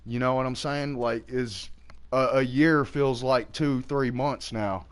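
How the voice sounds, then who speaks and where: A man's voice: medium pitch, steady tone, a little slow, clean tone. A man in his early forties, chatting casually and rambling, with lots of swearing, while he plays a game. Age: 40s. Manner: rambling, profane, laid-back. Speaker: streamer. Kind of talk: casual chat while gaming.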